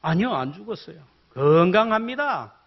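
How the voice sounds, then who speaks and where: A man's voice: high voice, very animated, normal speed. A male pastor voicing a businessman who has lost everything and pleads in despair, on a dull lo-fi recording. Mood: indignant. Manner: pleading, then protesting. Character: despairing ruined businessman, later indignant. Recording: dull lo-fi sound.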